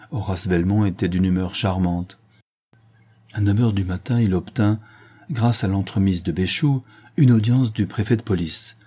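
Husky, low-voiced male narrator. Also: dark tone. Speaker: audiobook narrator. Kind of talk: scripted narration.

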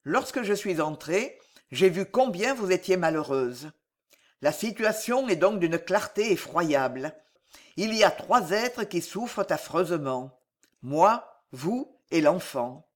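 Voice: medium pitch, sing-song, slow pace. A reader voicing a fervent pleading monk. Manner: impassioned, fervent and insistent. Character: passionate pleading male monk lover. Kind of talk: dramatic audiobook reading.

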